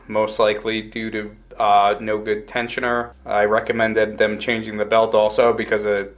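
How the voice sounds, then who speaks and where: A man working as an automotive technician, recounting his work in a plain, matter-of-fact way in a casual interview. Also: lowish voice.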